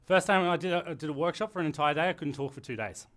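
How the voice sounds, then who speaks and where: A man presenting a live workshop lesson to a room, talking in an energetic, joking way. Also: on the high side, fast.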